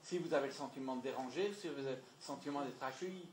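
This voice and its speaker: Homme formateur animé, salle sonore. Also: male voice, mid-range voice, fast talker, echoey room. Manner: lively, repeats words, emphatic. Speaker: trainer. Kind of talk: communication training talk. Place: meeting room with audience.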